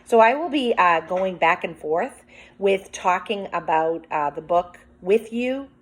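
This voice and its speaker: Acting as a teacher, a woman reads a picture book aloud, adding commentary and asking questions of young listeners as if addressing a class. Her voice is fairly low with lively intonation and an unhurried pace, and the recording is rough.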